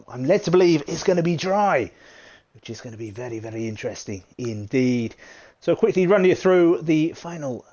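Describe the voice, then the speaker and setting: A man giving live commentary on an online racing league, excitable and chatty with plenty of fillers. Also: medium pitch. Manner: excitable, chatty, British turns of phrase, frequent fillers. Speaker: race commentator.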